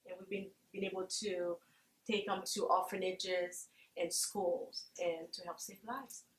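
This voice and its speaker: Earnest Haitian-born woman, halting speech. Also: on the low side, level tone. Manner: earnest, halting, many fillers. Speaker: charity founder. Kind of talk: interview answers. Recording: echoey room.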